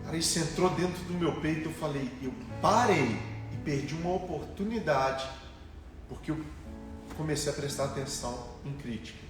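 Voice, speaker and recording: A man's voice: a little high, normal speed. A young Brazilian man preaching a testimonial sermon, telling a story and acting out the voices he quotes. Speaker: pastor. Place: church sanctuary. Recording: echoey church hall, distant mic, faint music.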